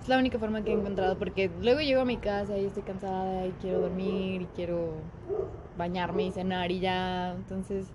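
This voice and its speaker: A woman with a Mexican Spanish accent, a guest on the show, speaks in relaxed slang and pokes fun at herself. Her voice is mid-pitched, and clear crowd chatter carries on behind her. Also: fairly quick. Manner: casual, slangy, self-deprecating. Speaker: guest, meme illustrator. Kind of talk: casual interview chat.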